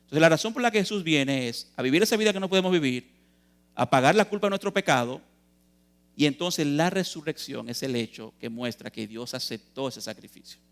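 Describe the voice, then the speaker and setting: A man's voice: fairly high pitch, animated, fairly quick. A man preaching a youth sermon in a church, earnest and emphatic, posing questions and answering them, calling his listeners brothers.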